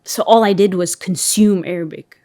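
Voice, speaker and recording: A woman's voice: mid-range voice, fairly even intonation, moderate pace, warm tone. A woman in her twenties from Canada, hosting a podcast in casual conversation, chatty and full of fillers. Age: 20s. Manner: chatty, fills with "like" constantly. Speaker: podcast host.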